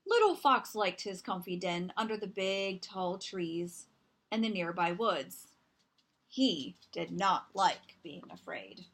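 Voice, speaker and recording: With a fairly low pitch, this female storyteller narrates a children's picture book aloud, deliberate and expressive, leaning into dramatic emphasis.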